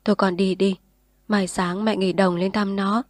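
A woman voicing a quiet, reserved village mother of few words. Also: mid-range voice, flat delivery, normal speed, dry recording, natural voice. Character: quiet middle-aged village mother, stern but caring.

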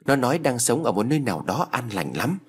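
A man voicing a village woman who guides a visitor and speaks to him in low, confiding tones. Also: sing-song, fairly quick, slight background noise, natural voice. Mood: hushed. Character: guiding village woman, hushed and secretive.

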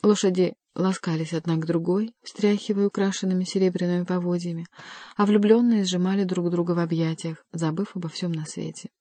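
A woman narrating a classic novel as an audiobook reader, in a measured, even way. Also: on the low side, dry recording. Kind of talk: scripted narration.

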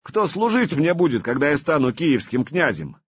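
A man voicing a proud, commanding warrior prince who shouts across a battlefield in a storybook reading. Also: fairly high pitch, very animated, moderate pace, slightly rough, no room sound, dull audio, pitched above the performer's own voice. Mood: booming commanding.

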